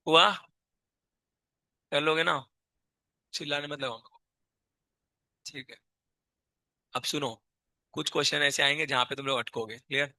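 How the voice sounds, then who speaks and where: Sharp-voiced hoarse male teacher. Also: on the high side, steady tone, unhurried, pauses often, dry recording. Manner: quizzes and scolds students, calls them child. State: sore, strained throat. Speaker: chemistry teacher. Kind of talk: live classroom lecture.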